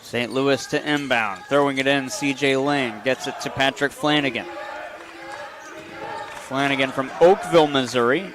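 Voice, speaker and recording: A man's voice: mid-range voice, a crowd in the background. Man calling basketball play-by-play. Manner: brisk, calls plays in short bursts. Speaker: play-by-play announcer.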